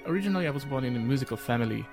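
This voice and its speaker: A man with a gravelly, creaky voice, outdoors on a street. He pauses often and searches for his words. Music plays clearly behind him. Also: mid-range voice, animated. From Hungary. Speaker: street violinist. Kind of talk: interview answers.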